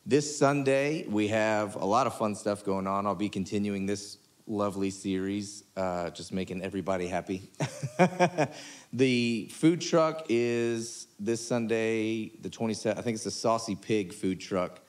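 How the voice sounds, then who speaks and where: A pastor hosting a casual church livestream talk, loose and joking, with lots of fillers. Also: male voice, lowish voice, unhurried. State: out of breath. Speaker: pastor and podcast host. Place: church room, on a couch.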